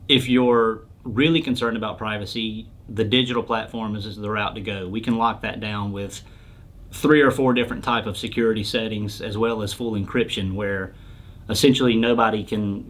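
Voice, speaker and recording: A man with a lowish voice speaks at a moderate pace in a steady tone. He answers questions as a company product expert, explaining things informally and plainly in casual interview talk.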